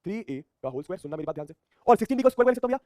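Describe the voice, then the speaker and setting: A man races through a math lesson, asking questions and answering them himself. His voice sits high for a man. The sound is close and dry, with no room around it. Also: rapid-fire, dry recording. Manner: energetic, repeats phrases, asks and answers his own questions. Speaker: math teacher.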